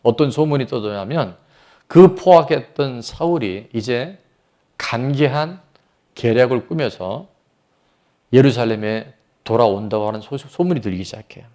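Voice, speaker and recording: A man pastor with a warm, expressive, mid-range voice preaches at a moderate pace. During his sermon he asks the congregation questions and acts out the voices quoted in the story.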